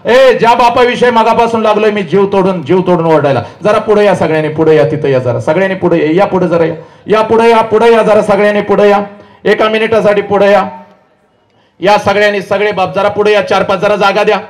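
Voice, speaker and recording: A man giving an impassioned public lecture to a live audience. He shouts, pleads and scolds his listeners directly. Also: high voice, fairly even intonation, a little fast. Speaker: public speaker addressing an audience. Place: live event before an audience.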